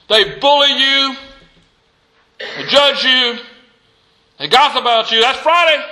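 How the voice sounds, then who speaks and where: A man preaching an Easter sermon, telling a story and building emphatic, repeated refrains that rise from soft to shouting. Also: extremely high pitch, low-quality recording. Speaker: pastor.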